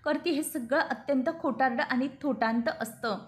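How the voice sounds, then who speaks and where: A woman reads out a defiant young wife from a serial recap, blunt and accusing. The reading is high-pitched and close to plain narration. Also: normal speed, lightly acted.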